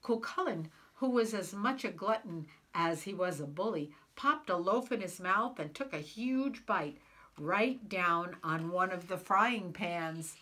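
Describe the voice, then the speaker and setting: Slow, expressive woman reading a story. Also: on the low side. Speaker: children's storytime reader. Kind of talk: storybook read-aloud.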